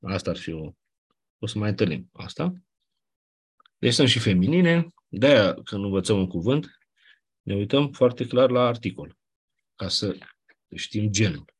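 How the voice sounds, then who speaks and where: Male teacher, lowish husky voice, patient lecturing delivery. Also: animated, long pauses. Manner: explanatory, checks understanding with "nu?". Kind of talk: classroom lecture.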